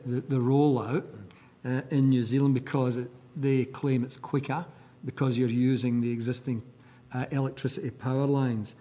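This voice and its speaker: Male senator questioning at a hearing, warm mellow tone, halting delivery with restarts. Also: medium pitch.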